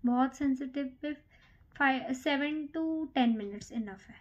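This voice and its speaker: Beautician woman, slow calm instructor, slightly high voice, dull lo-fi salon recording. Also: a little hiss or hum. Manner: calm, counts strokes aloud while working. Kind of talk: step-by-step facial massage instruction. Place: salon treatment room.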